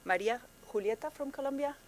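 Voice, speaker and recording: A woman program manager giving a friendly conference presentation, halting often with fillers and restarts, speaking in a conference room. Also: high voice, slight background noise.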